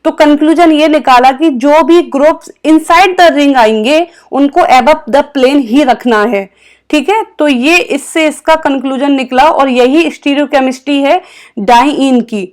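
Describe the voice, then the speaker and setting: A woman's voice: high voice, measured pace. A woman teaching a chemistry lecture over slides, explaining step by step and answering her own questions.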